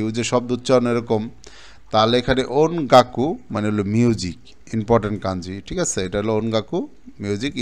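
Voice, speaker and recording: Male teacher from Bangladesh, mid-pitched, casual, repetitive classroom explaining. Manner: repetitive explaining, points at the board, mixes in English terms. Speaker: Japanese language teacher. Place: training center classroom.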